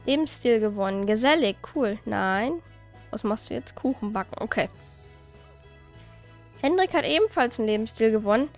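A woman with a fairly high voice talks through her game session in a loose, chatty way. She grumbles, asks her viewers questions and curses lightly when things go wrong. Soft music plays behind her. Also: animated, moderate pace, pauses often. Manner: chatty, exasperated, swears lightly. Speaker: let's play host. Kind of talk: casual gameplay commentary.

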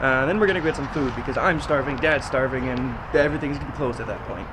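Young male vlogger, sick and hoarse, rambling, recorded over heavy noise. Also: medium pitch, fast talker. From Canada. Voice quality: hoarse and raspy. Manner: rambling, filler-heavy talk. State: sick, rough voice. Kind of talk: casual vlog.

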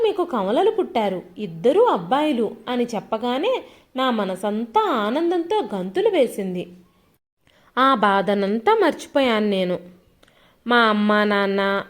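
Female storyteller, first-person narration, lively pitch, slightly high voice. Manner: expressive, voices quoted lines with pitch shifts.

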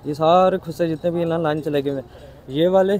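A man's voice: on the high side, steady tone, a little fast, darkish tone, a little hiss or hum. Chatty man vlogging a bazaar. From Pakistan. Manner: chatty, enthusiastic, repeats prices, asks shopkeepers questions. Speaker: vlogger touring a market. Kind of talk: casual walking market tour vlog. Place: outdoor city bazaar.

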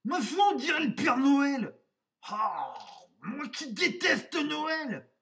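Fussy vain storybook wolf, male, squealing high, loud dramatic outbursts, mic a bit far off. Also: big pitch swings, slow, vocal fry, exaggerated voice. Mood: outraged.

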